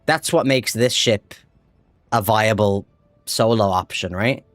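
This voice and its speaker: An Irish man chatting casually while livestreaming a game, excitable and swearing freely as he talks to his chat. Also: on the low side, slow, no room sound. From Ireland. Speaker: livestream gamer. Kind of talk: casual live gameplay chat.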